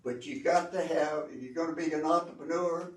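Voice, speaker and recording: A man's voice: a little high, a little fast. An older man, a retired entrepreneur, giving an earnest, folksy talk to students and repeating phrases for emphasis. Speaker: guest speaker, entrepreneur. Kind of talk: informal talk to a student audience. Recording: roomy echo, distant mic.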